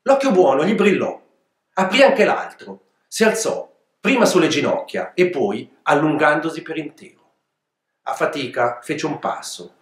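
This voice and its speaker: A man reads his own picture book to children in a playful, expressive manner. His voice sits a bit high and moves a lot, heard in a roomy, echoing space. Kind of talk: children's story reading. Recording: echoey room.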